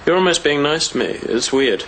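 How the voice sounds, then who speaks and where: A man's voice: fairly high pitch, expressive, brisk, a bit bright, a little hiss or hum, poor audio. An actor playing a wry, teasing young man next door in a TV soap, with a New Zealand accent. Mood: teasing, wary. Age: young adult. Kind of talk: naturalistic TV soap acting. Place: indoors, small flat.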